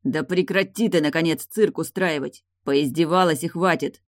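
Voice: medium pitch, moderate pace, no echo, clean studio sound, lightly acted. A reader voicing a frustrated man who keeps pressing for answers in an audiobook dialogue. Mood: insistent.

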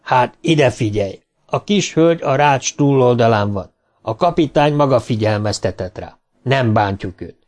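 A man voicing a burly, swaggering spaceship sailor in an audiobook, gruff and mocking. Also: medium pitch, animated, darkish tone, natural voice. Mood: threatening.

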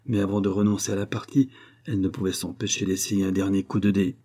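A man narrating a classic novel as an audiobook reader, in a measured, even storytelling manner. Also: sits low, husky.

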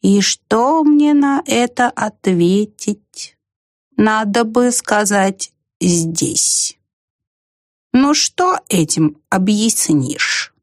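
A woman playing a very slow, calm snail. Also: mid-range voice, no room sound, studio quality, voice pushed up. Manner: very slow, drawn out, quiet.

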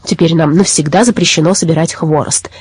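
A woman's voice: low-pitched, steady tone, fairly quick, darkish tone, slightly rough, no echo. A woman reading a storybook and voicing a group of frightened old women who wail and lament. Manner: wailing, lamenting. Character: weeping old village women, fearful.

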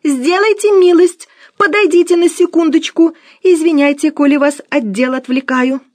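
A woman voicing Musya, a shrill wailing housekeeper. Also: moderate pace, darkish tone, natural voice. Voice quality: shrill, howling. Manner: old-fashioned servile speech.

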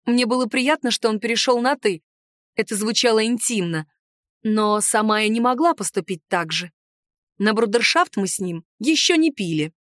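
A woman's voice: a little high, expressive, normal speed, no room sound. A woman reading a first-person audiobook in a playful, ironic storytelling manner, recorded close on a studio mic. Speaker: narrator.

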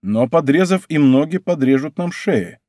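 A man's voice: a little high, lively intonation, normal speed, warm tone, no echo, clean studio sound, close to an everyday voice. A man voicing a timid, anxious older male cardinal who frets in fear.

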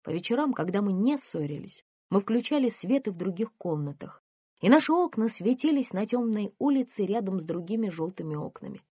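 Husky woman reading a memoir. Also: medium pitch, lively intonation, brisk, mellow, no room sound, studio quality. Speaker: audiobook narrator. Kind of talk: scripted first-person narration.

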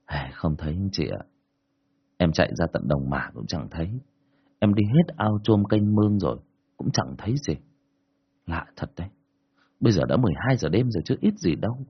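A man voicing a worried village uncle who speaks quietly and gravely. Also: low-pitched, very animated, fairly quick, long pauses, dull audio, voice pushed down, full character voice. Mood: grim. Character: worried village uncle, grim and low-voiced.

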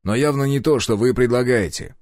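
A man voicing a stubborn, reluctant hero who answers bluntly and gruffly and swears when pushed. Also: medium pitch, fairly quick, a little mellow, no room sound, clean studio sound, voice pushed up, close to an everyday voice. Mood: defiant.

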